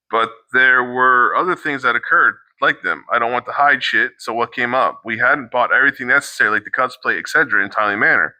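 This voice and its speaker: Middle-aged male co-host, sharp bright tone, dry close sound, reads posts aloud haltingly with blunt asides. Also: medium pitch, dry recording, poor audio. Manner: halting, restarts mid-sentence, swears in asides. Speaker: co-host reacting to online posts. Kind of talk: reading aloud with casual commentary.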